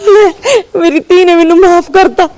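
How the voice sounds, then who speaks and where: A woman's voice: very high voice, steady tone, moderate pace, darkish tone. Woman playing a scheming mother-in-law. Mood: tearful. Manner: pleading, tearful. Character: scheming middle-aged mother-in-law turned tearful. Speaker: actress in a family skit. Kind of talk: village family drama skit.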